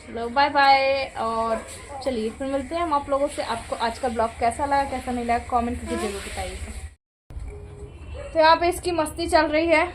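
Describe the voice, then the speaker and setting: Chatty high-voiced woman vlogging at home. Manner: chatty and confiding, repeats herself, coos sing-song at a baby. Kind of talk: casual home vlog chat. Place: at home indoors. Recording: noisy home phone recording.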